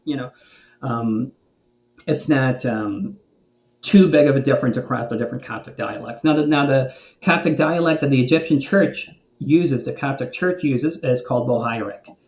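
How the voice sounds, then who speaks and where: A man's voice: medium pitch, moderate pace, a little mellow. A man who is a guest linguist, explaining thoughtfully in conversation with frequent ums and restarts. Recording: roomy echo.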